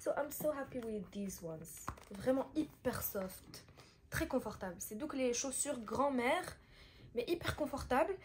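A woman's voice: fairly high pitch, animated, measured pace, a little hiss or hum. A young woman chatting casually through a shopping haul vlog and mixing languages as she talks. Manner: chatty, switching between languages mid-sentence. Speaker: vlogger.

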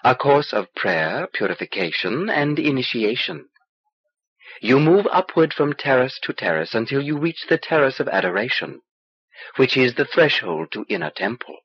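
A male narrator voices a small, knowing alien sorcerer, delivering dry, cryptic lines at a measured pace. His husky voice roams freely in pitch with a sing-song, matter-of-fact quality. It's audiobook character dialogue from a dull old cassette, with no echo.

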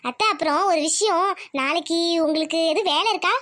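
Woman doing a wheedling schoolgirl, cartoon, very high, bright. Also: brisk. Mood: coaxing. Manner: wheedling, hesitant. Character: coaxing young schoolgirl niece.

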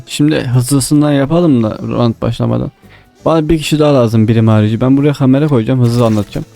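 A man's voice: medium pitch, gravelly, warm tone. A young man chatting casually while gaming, giving short, repeated, bossy instructions. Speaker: gamer leading pranks in online matches.

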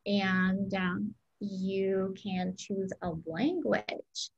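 A Russian-speaking woman presents an educational webinar over a video call, upbeat and explanatory, with frequent ums. Her medium-pitched voice is flat and creaky, she draws out her words, and the sound is lo-fi.

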